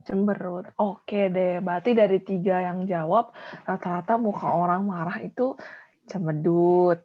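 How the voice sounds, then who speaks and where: A woman's voice: lowish voice, steady tone, unhurried. Woman counselor leading a class discussion. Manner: encouraging, repeats pupils' answers. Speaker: school counselor. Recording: dull lo-fi audio.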